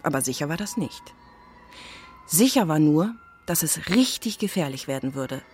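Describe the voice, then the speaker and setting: Narrating a children's radio play in the role of a gossipy, nosy neighbour, a woman speaks low and expressively at normal speed, her tone a little mellow with a breathy edge. She sounds confiding and suspenseful, with faint music underneath.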